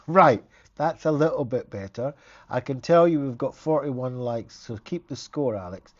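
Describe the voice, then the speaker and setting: A man's voice: mid-range voice, expressive, unhurried, highs cut off. Chatty man hosting a live stream. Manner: chatty, rambling, restarts often. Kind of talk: casual live-stream chat.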